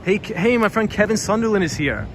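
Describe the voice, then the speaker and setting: A friendly livestream host, walking on a windy city street at night, chats casually and reads out viewer comments. His voice sits high with big pitch swings, a quick pace and a fairly bright tone, though it sounds a little tired. Clear music plays behind the street stream.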